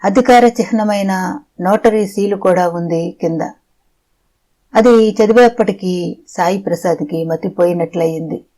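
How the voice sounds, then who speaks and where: Mellow, measured audiobook narrator. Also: medium pitch, poor audio. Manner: measured, steady storytelling.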